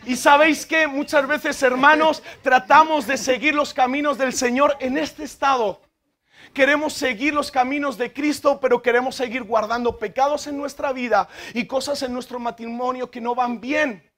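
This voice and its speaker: Man, Spain Spanish accent, pastor, lively sermon, very high-pitched voice, animated delivery. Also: normal speed. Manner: animated, acts out biblical figures, calls out to the congregation.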